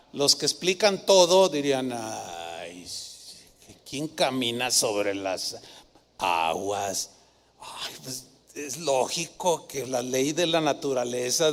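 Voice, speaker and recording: A male pastor with a Mexican Spanish accent, preaching a sermon in an animated storytelling way and acting out the voices of people he quotes. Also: high voice, long reverb tail.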